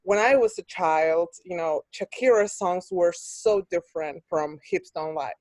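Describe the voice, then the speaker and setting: A woman's voice: lowish voice, measured pace, darkish tone, no echo. A woman from Peru, speaking hesitantly in a class discussion over a video call. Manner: hesitant, many um and like.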